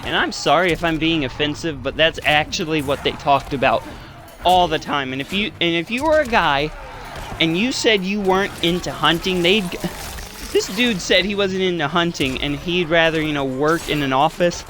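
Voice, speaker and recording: A man's voice: on the high side, moderate pace, music in the background. A young man in his twenties hosting a gaming channel, rambling through a casual story with lots of swearing and fillers.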